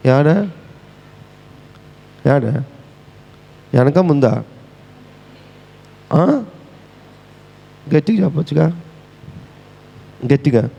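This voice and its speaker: A man's voice: a little high, expressive, drawn-out words, gravelly, pauses often, warm tone, lo-fi sound. A pastor preaching a sermon, firing questions at his congregation and scolding them in a mocking way. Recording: echoey hall reverb.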